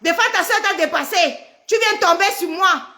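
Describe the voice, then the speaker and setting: Woman, middle-aged, pregnant, very high voice, angry mocking rant. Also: moderate pace. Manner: shouting insults, mocking, repetitive. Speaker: social media personality. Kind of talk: angry live-stream rant.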